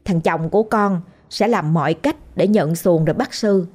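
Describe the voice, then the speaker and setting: A woman's voice: on the low side, moderate pace, darkish tone, close to an everyday voice. A woman voicing a grieving drowned ghost woman, a young mother, pleading tearfully. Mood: sorrowful pleading.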